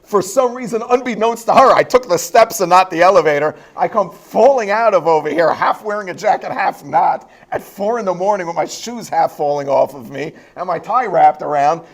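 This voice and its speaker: A rabbi telling a self-deprecating funny story to a school audience, animated and laughing as he goes. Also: high-pitched, normal speed, hardly any pauses. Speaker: rabbi giving a talk at a high school. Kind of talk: humorous personal storytelling.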